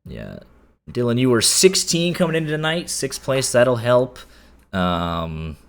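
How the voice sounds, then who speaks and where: A man's voice: mid-range voice, sing-song, measured pace, creaky. A man broadcasting post-race interviews with sim racing drivers, chatty and full of fillers. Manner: chatty, filler-heavy, stumbles and laughs.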